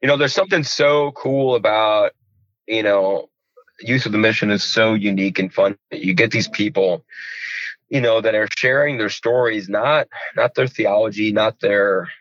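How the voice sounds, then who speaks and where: A man's voice: fairly low pitch, moderate pace, fairly bright tone, no echo, muffled recording. A man in his forties from rural Georgia, a pastor, talking casually and enthusiastically, rambling with lots of "you know" and "man". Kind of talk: casual conversation.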